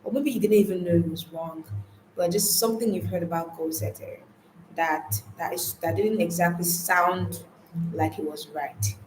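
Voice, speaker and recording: A woman's voice: fairly low pitch, fairly even intonation, moderate pace, slight background noise. Chatty woman teaching a live class. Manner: chatty, repeats words, many restarts. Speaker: online course instructor. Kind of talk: live-streamed lesson, casual. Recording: roomy, faint ambience.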